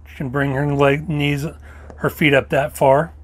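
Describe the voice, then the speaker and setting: Host, male, a bit hoarse from losing his voice, measured pace, casual product walkthrough. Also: fairly high pitch, little pitch movement. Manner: unhurried, walks through details step by step. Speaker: toy review host. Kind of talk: casual show-and-tell product review.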